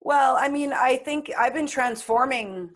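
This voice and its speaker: A woman's voice: high-pitched, measured pace. A woman in her late forties, a coach, talking earnestly and reflectively in a casual interview. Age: 40s. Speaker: guest coach.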